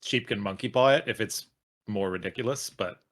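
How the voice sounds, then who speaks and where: Low-voiced man, casual tabletop player. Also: fairly quick, a bit bright. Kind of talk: casual, sweary game-table chat.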